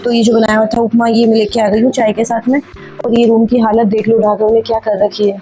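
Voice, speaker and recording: High-voiced chatty young woman vlogger. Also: level tone, a little fast, warm tone, faint music behind, low-quality recording. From Rajasthan, India. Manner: chatty, rambling, talks straight to viewers. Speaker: vlogger and mother. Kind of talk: casual daily-life vlog narration. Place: at home, indoors.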